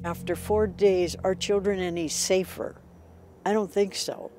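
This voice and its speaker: An older woman answering an interview question in a slow, halting manner with frequent restarts. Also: on the low side, fairly even intonation. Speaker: interviewee, abuse survivor. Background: music bed.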